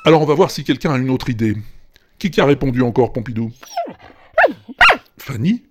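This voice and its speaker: A man's voice: mid-range voice, lively intonation, brisk. A man hosting a podcast in a casual, chatty and playful way, talking informally to his listeners. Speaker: podcast host.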